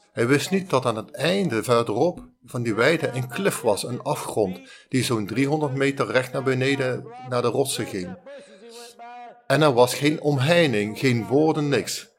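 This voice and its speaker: A man preaching a sermon, telling a story slowly and deliberately with frequent restarts. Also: mid-range voice. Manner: slow, deliberate, halting with restarts.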